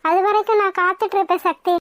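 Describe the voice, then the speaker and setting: High, gentle young wife. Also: female voice, steady tone, quick pace, dry recording. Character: young married woman, gentle and patient. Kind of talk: cartoon voice acting.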